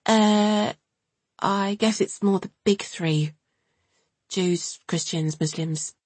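A woman's voice: mid-range voice, slow, darkish tone, no echo, voice pushed up. A woman voicing a blunt, matter-of-fact teenage girl who answers plainly and offhand.

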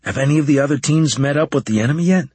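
A man's voice: a little high, racing, darkish tone, slightly rough, no room sound, pitched above the performer's own voice. A man voicing a grumbling young soldier with a whiny, slightly raised voice. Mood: griping. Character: grumbling young male soldier, greedy and sulky.

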